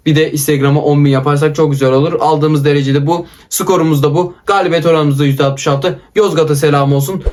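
A young man giving chatty, excitable commentary over his own football video game match as a gaming YouTuber. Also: on the high side, fast, hardly any pauses.

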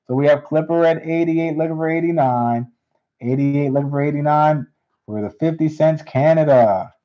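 A man hosting a live coin auction, repeating bids in steady auctioneer patter. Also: a little high, normal speed. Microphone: unseen, hands on camera. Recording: dull lo-fi stream audio.

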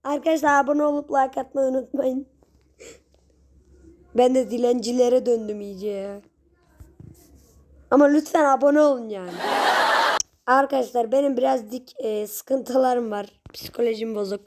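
A young woman giving casual gameplay commentary, chatty with her viewers and prone to sudden shrieks and yells at the game. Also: high-pitched, normal speed, pauses often. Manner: chatty, talks straight to viewers. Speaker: gaming channel host.

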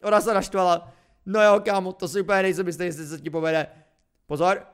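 A young man giving casual, jokey commentary over a game, swinging between low muttering and sudden excited yelps. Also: clean tone. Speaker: gaming YouTuber.

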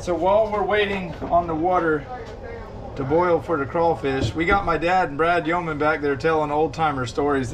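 A man's voice: on the high side, noisy background. A man in his twenties hosting a casual cooking vlog at a fishing camp, chatty and teasing. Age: 20s. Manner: chatty, teasing, laughing often. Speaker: vlog host.

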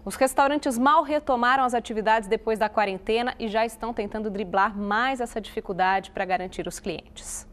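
Chatty female news anchor, higher voice. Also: normal speed, few pauses. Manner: conversational, chatty presenting. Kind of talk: scripted news presenting. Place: TV studio.

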